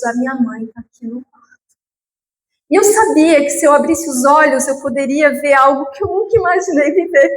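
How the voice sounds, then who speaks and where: A woman giving a heartfelt personal testimony as a guest lecturer, slowing into drawn-out pleas and rising to sudden high emotional peaks. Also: a little hiss or hum. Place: lecture hall of a spiritual group. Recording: roomy echoing hall with faint background.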